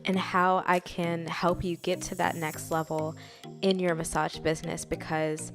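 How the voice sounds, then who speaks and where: A woman's voice: on the low side, little pitch movement, unhurried. A young woman, a mobile massage therapist, chatting upbeat to viewers in a casual vlog and calling them y'all. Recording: distant mic with background music.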